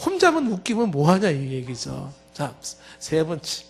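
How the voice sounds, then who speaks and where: A male pastor preaching a Wednesday sermon, animated and joking, acting out little scenes. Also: fairly high pitch, normal speed, creaky, breathy edge, soft background music. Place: church sanctuary.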